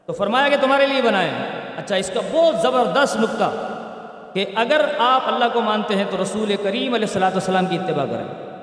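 Male preacher, lively storytelling delivery; long reverb of a big hall. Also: high-pitched. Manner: storytelling, rhetorical questions, animated teaching. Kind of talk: sermon. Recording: echoey hall, voice from far off.

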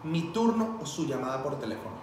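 A man's voice: mid-range voice, fast talker. A man with a Venezuelan Spanish accent chatting casually, telling stories and acting out the voices of the people in them. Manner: animated storyteller acting out quoted dialogue. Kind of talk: casual chat. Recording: echoey room, far from mic, faint noise.

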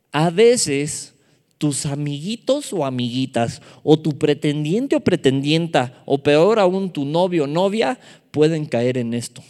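A man's voice: on the high side, darkish tone. A man leading a Bible study sermon as a youth preacher, talking conversationally with joking asides to the audience. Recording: echoey hall reverb.

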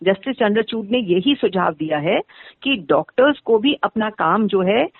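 Woman guest expert over a dry, tinny phone line; earnest, halting, restarts often. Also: medium pitch, lively intonation, no echo. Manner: earnest, many hesitations and restarts. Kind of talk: explanatory interview answers.

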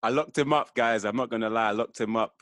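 A man co-hosting a podcast, boastful and quick to laugh. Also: medium pitch, a bit bright, dry recording. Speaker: podcast co-host. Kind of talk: casual podcast chat.

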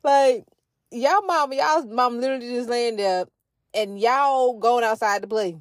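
A woman's voice: a little high, measured pace, dry recording, clean studio sound. Chatty woman telling a family story. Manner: chatty, conversational, asks listeners questions. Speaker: podcast host, mother. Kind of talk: casual storytelling monologue.

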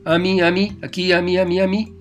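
A man voicing a flustered, jealous old husband who shouts in alarm and anger. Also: mid-range voice, animated, brisk, soft background music, natural voice. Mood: fussing. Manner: loud, blustering and frantic.

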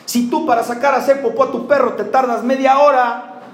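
In a spacious hall with faint background noise, a Mexican-accented man preaches, throwing rhetorical questions and jokes at the congregation. His very high-pitched voice is brisk, with fairly even intonation.

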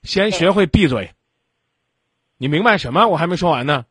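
A man's voice: a little high, expressive, moderate pace, fairly bright tone, breathy edge, dry recording, clean studio sound. A male radio advice host who lectures callers bluntly and scolds them sternly. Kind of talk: late-night radio advice talk. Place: radio studio. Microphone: studio microphone.

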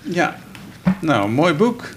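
A man's voice: on the high side, sing-song, very slow, background noise. A man visiting a radio studio as a guest writer, friendly and a little hesitant. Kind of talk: radio interview chat.

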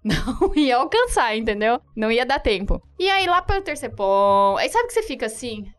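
A woman's voice: a little high, big pitch swings, a little fast. A Brazilian woman tells a travel story in casual conversation. She laughs often, acts out dialogue and keeps checking in with tag questions. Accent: Brazilian Portuguese. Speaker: guest telling a travel story.

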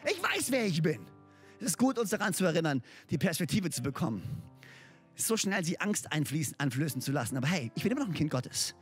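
A man preaching a sermon as a pastor, lively and emphatic, talking straight to his listeners in a conversational way with English words mixed in. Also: fairly high pitch, quick pace, soft background music. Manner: conversational, speaks directly to listeners.

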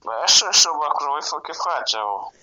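A man's voice: on the high side, lively intonation, a little fast, pushed and bright, low-quality recording. A man heard over the phone as a radio show guest, chatting casually and searching for his words.

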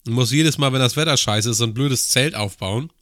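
Bright-voiced man telling stories. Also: mid-range voice, brisk, no echo, clean studio sound. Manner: storytelling, crude slang, acts out dialogue. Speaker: podcast co-host. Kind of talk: casual chat.

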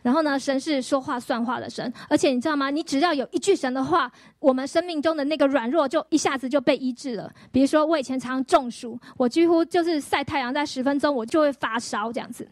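Woman pastor, lively storytelling sermon, high voice, dry close sound. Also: quick pace, few pauses, no echo. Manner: lively, storytelling with acted-out quotes and rhetorical questions. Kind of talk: personal healing testimony sermon.

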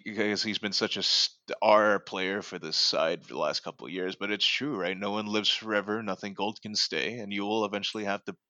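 Pushed and bright, this fairly low male voice belongs to a co-host of a casual sports podcast who rambles with fillers and restarts. Recorded on a home podcast microphone, the sound is muffled with no room sound.

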